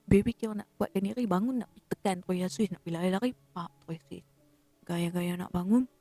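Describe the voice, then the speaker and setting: A woman with a northern Malaysian accent telling a spooky story in a casual, animated way, sometimes dropping to a hush. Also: lowish voice, brisk, dry recording, faint music behind. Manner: animated, drops to a hushed whisper for suspense.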